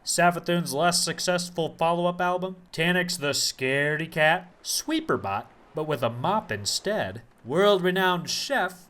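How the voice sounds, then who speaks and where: A man voicing a goofy, wisecracking officer with a lively, bouncing delivery. He jokes about food and shows off his improv characters. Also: fairly high pitch, measured pace, hardly any pauses. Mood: joking. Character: hungry, goofy officer and would-be improv actor.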